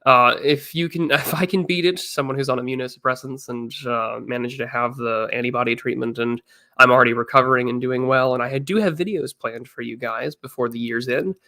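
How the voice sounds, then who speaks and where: A man in his twenties chats on a casual livestream, reading chat messages aloud and answering viewers while still a bit congested. His mid-range voice is brisk, bright and forceful.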